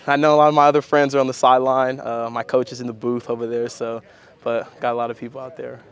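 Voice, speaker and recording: A man's voice: medium pitch, little pitch movement, fast. A young man from New Mexico giving casual, matter-of-fact answers as a college football player in an interview. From New Mexico, United States. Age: young adult. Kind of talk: post-practice media interview answers.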